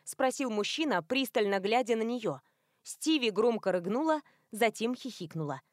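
A woman narrating a novel in an expressive, lively reading. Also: fairly high pitch, moderate pace, no room sound, studio quality. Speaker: audiobook narrator. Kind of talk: scripted narration.

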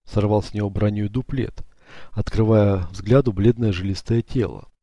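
A man narrating an audiobook in a steady, measured way. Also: fairly low pitch, no echo, muffled recording. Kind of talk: scripted narration.

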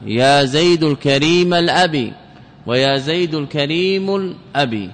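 A man teaching a classical grammar lesson, explaining step by step, often repeating phrases and reciting quoted lines slowly. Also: medium pitch. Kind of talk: classical lecture explaining a text. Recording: long reverb of a large hall.

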